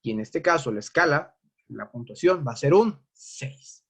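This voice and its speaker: A man's voice: on the high side, lively intonation, moderate pace, vocal fry, fairly bright tone, husky. A man teaching a first-aid class, explaining with worked examples and asking the class questions. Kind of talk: classroom lecture.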